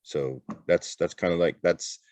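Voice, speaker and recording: A man's voice: sits low, fairly even intonation, measured pace, darkish tone, no room sound. A middle-aged man talking candidly in a casual interview, often repeating and restarting his words. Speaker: interview guest, retired border patrol agent.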